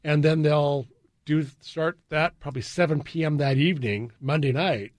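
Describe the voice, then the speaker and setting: An American man with flat vowels talks as a radio guest in a casual, folksy way. His voice sits a little high for a man and is recorded very dry. His phrasing is loose and halting. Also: no room sound. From US West Coast. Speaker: guest, garden show organizer.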